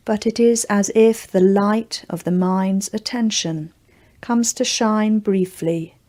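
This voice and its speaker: Leading a guided yoga nidra session, a woman speaks in a mid-range voice, offering gentle, deliberate instructions broken into short, spaced phrases.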